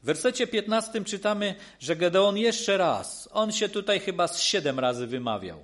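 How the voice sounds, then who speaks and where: Male preacher, sermon, a touch higher voice, halting, reassuring. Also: expressive, fairly bright tone. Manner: halting, many restarts and repeated phrases; earnest, reassuring.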